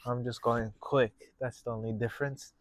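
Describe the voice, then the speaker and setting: A man hosting a painting lesson, talking through each step casually in a gentle, encouraging manner. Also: mid-range voice, level tone, normal speed, dry recording. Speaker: painting instructor and show host.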